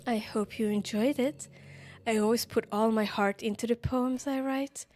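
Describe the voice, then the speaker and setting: A woman's voice: a little high, steady tone, moderate pace, darkish tone, lightly acted. A woman reading as Monika, a lovestruck game girl. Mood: affectionate. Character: lovestruck, self-aware teenage game girl. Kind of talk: reading game dialogue aloud.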